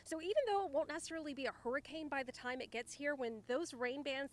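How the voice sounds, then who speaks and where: A woman's voice: fairly high pitch, a bit bright. A woman meteorologist giving a live outdoor weather report in a chatty, conversational way with informal asides. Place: outdoors, riverside park.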